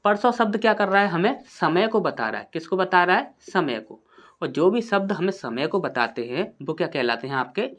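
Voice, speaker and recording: A woman teaches an exam-prep grammar lesson, asking questions and answering them herself while reading example sentences slowly and deliberately. Her voice is lowish and animated.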